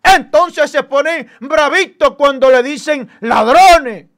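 A man with a strikingly high voice argues on a talk panel. He is insistent and fires off repeated denials. His speech stays heated and pressing. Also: slow pace, a bit bright.

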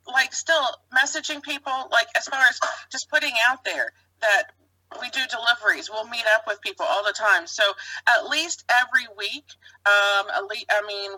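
A woman's voice: medium pitch, pushed and bright, dry recording, rough recording. A woman who co-owns a honey business, chatting casually with many fillers and restarts. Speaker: co-owner of a honey business, podcast guest. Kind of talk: casual chat.

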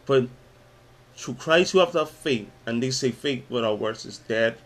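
A man's voice: medium pitch, unhurried. Man, twenties, Bahamian accent, podcast host, faith talk, spoken word poet. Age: 20s. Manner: recites poetry with rising dramatic intensity.

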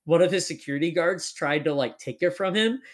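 A man's voice: on the high side, fairly quick. A young man hosting a casual chat, rambling with lots of fillers. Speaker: podcast host.

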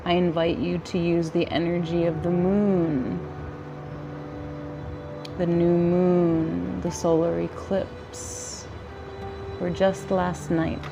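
A woman guiding a yoga nidra relaxation in a calm, soothing, gentle manner with long pauses between phrases. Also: lowish voice, creaky, music in the background. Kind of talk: guided relaxation meditation.

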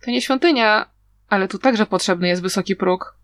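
A woman reading an audiobook, voicing a clever, playful young man who talks in a teasing, lively way. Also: medium pitch, moderate pace, no room sound, close to an everyday voice.

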